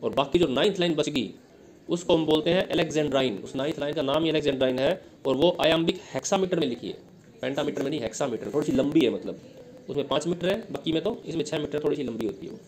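A man with an Indian accent giving an exam-prep lesson, asking questions and answering them himself, reading English lines slowly. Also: fairly high pitch, darkish tone, low-quality recording. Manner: explains in Hindi, reads English lines slowly. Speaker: teacher.

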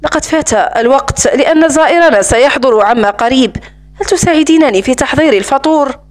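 A sarcastic, taunting man who keeps a woman captive and mocks her coolly, read by a woman in her own high voice. His lines come as part of a storybook reading, with little change from the reader's voice. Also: animated, fairly quick. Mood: mocking. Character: mocking, cold-blooded man holding a woman captive.

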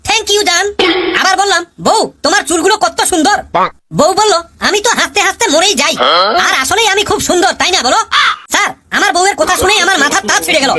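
A woman voices a cheeky, wisecracking male cartoon pupil who is married and jokes about his wife. Her delivery is fast, bright and high, chatty storytelling building to punchlines, in the style of cartoon comedy voice acting.

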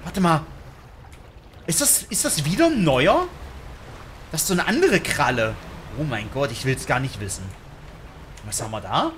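A young man chatting casually through a game as a YouTuber, slangy, joking and reacting loudly. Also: on the high side, sing-song, moderate pace, long pauses, slight background noise. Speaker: gaming YouTuber. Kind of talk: casual let's-play commentary.

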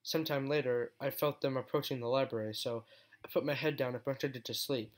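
A man reads a fan story aloud in steady first-person narration. His voice sits at an ordinary middle pitch. Now and then he stumbles over a word and corrects himself. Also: brisk. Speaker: fan fiction reader.

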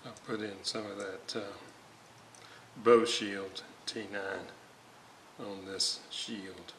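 At an indoor workbench, a man restoring a radio walks through the hands-on repair, speaking slowly and mumbling to himself while working. He has a lowish, fairly bright voice with fairly even intonation, and a little hiss or hum runs underneath.

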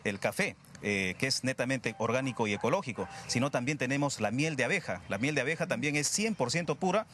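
A man's voice: medium pitch, a bit bright, slight background noise. A middle-aged man, a project promoter, explaining earnestly in a live outdoor interview on a reporter's mic. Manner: earnest, explanatory, uses fillers like "este". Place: outdoor plaza stand, in the city. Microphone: reporter's handheld mic.

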